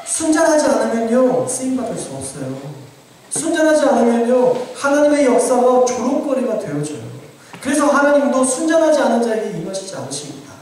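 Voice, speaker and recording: A man's voice: very high-pitched, a little mellow, a little hiss or hum. A man pastor preaching a sermon, earnestly urging his congregation in direct address. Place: church sanctuary. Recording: very echoey church room, from far off.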